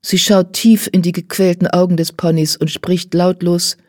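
A woman narrating a children's audiobook in a clear storytelling manner. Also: on the low side, level tone, moderate pace, darkish tone, dry recording, clean studio sound.

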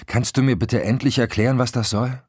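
A man's voice: mid-range voice, steady tone, brisk, a little mellow, slightly rough, dry recording, studio quality, voice pushed up, close to an everyday voice. A man voicing a tired young mother who questions her husband in an irritated, insistent way. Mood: exasperated.

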